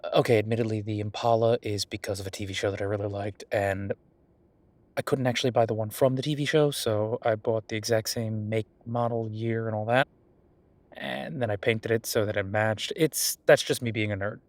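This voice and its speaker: In a dry recording, a man with a lowish, everyday-sounding voice speaks a little fast with fairly even intonation. He's playing a friendly, self-deprecating young billionaire in a casual, intimate audio roleplay, rambling informally and playfully defensive toward the listener.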